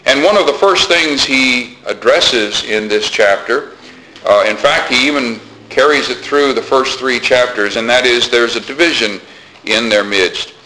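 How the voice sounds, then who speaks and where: A man preaching a sermon to his congregation in a measured way, often pausing with "uh" between thoughts. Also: medium pitch, slight background noise, poor audio. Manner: measured, with frequent "uh" pauses; soft-spoken in prayer.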